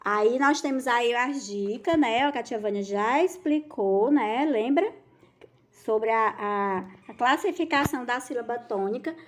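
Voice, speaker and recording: Brazilian woman teacher, high voice, patient and affectionate, drags out key words for kids. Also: unhurried. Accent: Brazilian Portuguese. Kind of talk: recorded school lesson for children.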